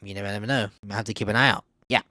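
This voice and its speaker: A man's voice: on the low side, fairly even intonation, very fast, sharp tone, dry recording. A man giving casual, candid opinion commentary in a chatty way, often hedging with "like" and "I don't know". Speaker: video essayist.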